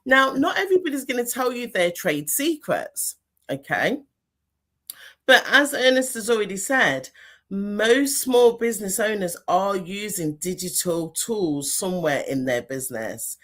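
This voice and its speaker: A woman's voice: mid-range voice, animated, measured pace, fairly bright tone. A woman hosting a podcast interview over a video call, chatting casually and animatedly, laughing often. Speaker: podcast host.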